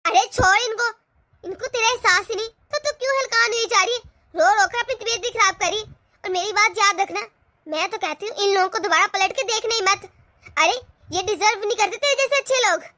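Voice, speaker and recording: A woman's voice: very high-pitched, a little fast, no room sound. A woman voicing the caring, protective mother of a young bride in a cartoon. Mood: consoling. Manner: warm, coaxing, motherly. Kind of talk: cartoon voice acting.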